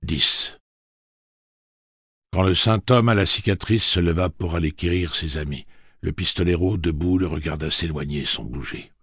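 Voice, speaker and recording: A man narrating an audiobook in a measured, even reading. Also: low-pitched, slightly rough, no room sound, clean studio sound.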